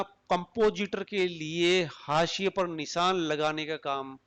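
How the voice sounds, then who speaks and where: Slow, deliberate male lecturer. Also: on the high side, a bit bright. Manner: slow, deliberate explanation with spoken examples. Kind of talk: recorded university lecture.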